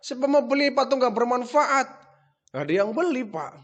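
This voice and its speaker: Man doing a dutiful young prophet, high loud hawker's calls, meek toward father. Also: expressive, moderate pace, heavily acted. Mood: meek, complaining. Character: young dutiful male prophet, secretly mocking idols.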